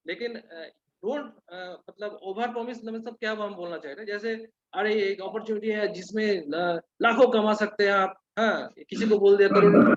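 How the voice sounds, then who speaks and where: A man leads a sales training talk with a high-pitched voice. He explains step by step and often stops on hesitant fillers. The recording sounds dull and lo-fi. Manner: instructive, with frequent hesitant fillers.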